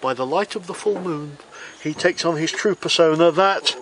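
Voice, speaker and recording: A man delivering card magician patter as spooky storytelling, with theatrical, deliberate phrasing and dry humour. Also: fairly high pitch, very noisy. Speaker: magician presenting a trick of the week.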